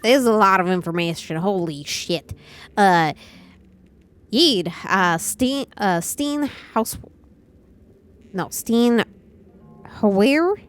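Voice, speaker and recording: A woman streaming a puzzle game, chatting casually and reading text aloud haltingly, often swearing and stumbling over names. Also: mid-range voice, smooth. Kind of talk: casual gaming livestream chat.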